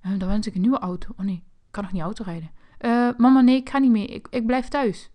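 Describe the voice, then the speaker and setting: A woman voicing a curious, mischievous young boy in a toy figure play video, excitable and whining. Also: fairly high pitch, quick pace, close to an everyday voice.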